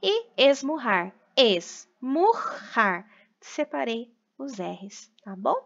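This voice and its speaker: A woman teacher with a high voice walks young pupils through a lesson, checking in with them after nearly every point. The sound is a little dull and lo-fi. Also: expressive, unhurried, fairly bright tone. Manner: explanatory, frequent tag questions. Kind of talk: recorded class lesson for children.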